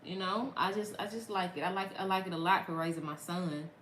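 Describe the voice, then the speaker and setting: Southern lady going live, chatty and laughing a lot, bright voice, kinda echoey room. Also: lowish voice, fairly quick, slight background noise. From Mississippi. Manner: chatty, laughs often, talks straight to viewers. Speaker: content creator. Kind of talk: casual livestream chat.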